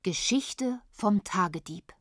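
A woman reciting a humorous ballad in a measured way. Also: mid-range voice, expressive, dry recording, clean studio sound. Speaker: narrator.

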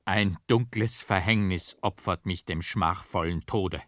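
Brief: a man playing a proud, desperate accused man in an audiobook, low voice, emphatic protest. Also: unhurried, no echo.

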